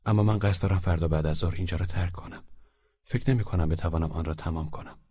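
A man's voice: low-pitched, warm tone, breathy edge, muffled recording. Reserved lone woman traveler, read by a man.

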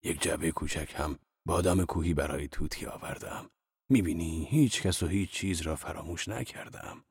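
A man voicing an earthy, coaxing old male laborer in an audiobook, talking with lively jumps in pitch. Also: breathy edge, no echo, studio quality, exaggerated voice. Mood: tender.

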